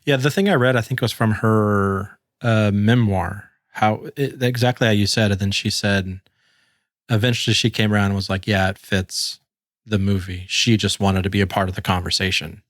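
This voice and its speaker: Low-voiced expressive podcast co-host. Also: male voice, no room sound, clean studio sound. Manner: reactive, expressive, quick to exclaim. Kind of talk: casual movie podcast chat.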